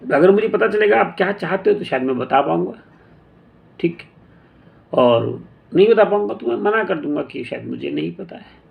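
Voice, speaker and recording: A man with a fairly high, gravelly voice gives a relaxed motivational talk to his viewers. He speaks unhurriedly, thinks aloud with frequent pauses and restarts, and slips English phrases into his sentences. The recording sounds dull and lo-fi. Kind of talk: casual motivational talk to camera.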